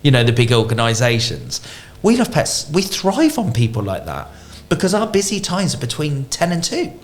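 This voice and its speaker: A man talks casually on a business podcast. He tells lively stories and slips into the voices of the people he quotes. His voice sits at an ordinary middle pitch. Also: normal speed. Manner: animated storyteller, acting out quotes. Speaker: franchise company expert guest.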